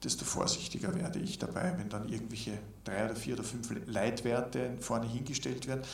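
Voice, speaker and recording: A man giving a reflective spoken lecture, measured and deliberate, building his points in long lists. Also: medium pitch, fairly even intonation, creaky, slight background noise.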